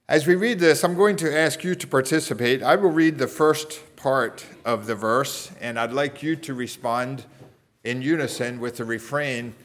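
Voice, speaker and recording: A man leading a church congregation in a responsive scripture reading, giving calm, measured instructions. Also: mid-range voice. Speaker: worship leader. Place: church sanctuary.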